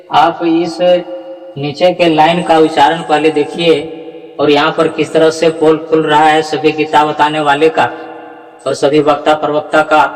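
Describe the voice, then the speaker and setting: A man teaching the correct pronunciation of scripture verses, chanting them slowly, syllable by syllable, and correcting others' mistakes. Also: on the high side, long reverb tail, low-quality recording. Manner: slow, deliberate, drawn-out syllable-by-syllable chanting of verses. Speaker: Gita recitation teacher. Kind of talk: slow explanatory lesson on Sanskrit pronunciation.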